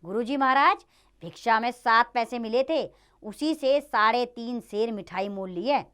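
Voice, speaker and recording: A woman's voice: fairly high pitch, a little slow, a bit bright, smooth. A woman voicing a greedy, cheerful young male disciple who exclaims with delight in a children's play reading.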